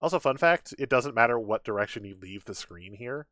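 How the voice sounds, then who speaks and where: A game streamer with a mid-range, bright, forceful voice offers chatty, casual live commentary a little fast, with lively intonation and wry asides, sometimes switching to reading on-screen text aloud. The recording is dry and clean like a studio, with video game music behind him.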